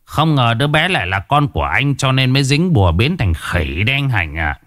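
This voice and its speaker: A man voicing a calm, weary older village sorcerer who speaks in a measured, lecturing way. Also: mid-range voice, no echo, clean studio sound, voice pushed up. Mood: grave.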